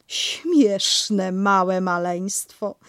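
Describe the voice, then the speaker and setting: A woman voicing a motherly female kangaroo who talks slowly, doting but firm, in a storybook reading. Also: medium pitch, huge pitch swings, no room sound, studio quality, pitched above the performer's own voice. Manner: slow, doting, bossy.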